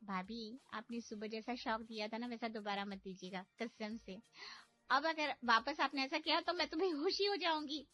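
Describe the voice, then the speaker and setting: Teasing cartoon sister-in-law, very high and giggly, a woman voicing her, music behind. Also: normal speed, sharp tone. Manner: giggly and surprised. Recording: slightly dull audio with background music.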